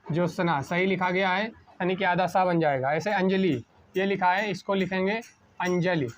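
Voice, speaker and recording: A man teaching an exam-prep spelling lesson at a board, asking a question and answering it himself, slowing down on each correct word. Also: high voice, slight background noise. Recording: dull lo-fi sound.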